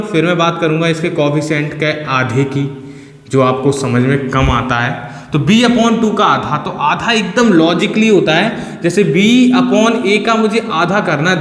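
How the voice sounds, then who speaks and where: Man teaching maths in an echoey room. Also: a little high. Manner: patient, step-by-step explaining, mixing in English terms. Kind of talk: board lesson explanation. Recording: echoey room with long reverb.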